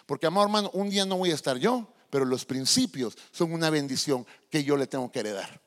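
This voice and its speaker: Lively high-voiced pastor preaching. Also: male voice, fast talker. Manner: animated, asks the congregation questions. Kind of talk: sermon. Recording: long hall reverb.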